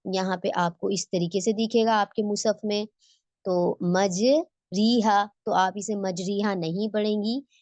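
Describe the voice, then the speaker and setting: A woman's voice: mid-range voice, steady tone, a little slow, a little mellow, no echo. Lady teaching tajweed, explains step by step, asks herself questions, dry close mic. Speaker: Quran recitation teacher. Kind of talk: online tajweed lesson.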